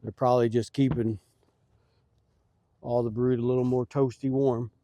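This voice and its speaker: A man's voice: medium pitch, level tone, moderate pace, mellow. A middle-aged man who keeps bees, talking in a casual, earnest and folksy way while he walks among his hives outdoors. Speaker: beekeeper. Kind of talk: casual vlog talk. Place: outdoors at beehives.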